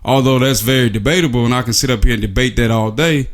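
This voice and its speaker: A man with a drawl talks straight to his audience in a loose, unscripted rant. His voice sits at an ordinary middle pitch, and he leans on sarcasm and rhetorical questions. He pads his lines with plenty of "uh"s as he thinks aloud. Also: fast talker. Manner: sarcastic, rhetorical, filler-heavy. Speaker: sports commentary vlogger. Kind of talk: casual opinion monologue.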